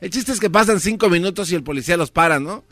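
Radio guy, kinda high bright voice, telling a joke with music under it. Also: no echo. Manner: quick banter, drops to a low murmur while telling a joke. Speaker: radio show co-host. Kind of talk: comedic joke telling, banter.

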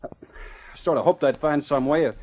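An actor playing a defensive, hot-headed young trapper in a 1950s radio drama. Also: male voice, on the high side, normal speed, darkish tone, close to an everyday voice. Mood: agitated. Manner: defensive, agitated. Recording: dull old radio broadcast.

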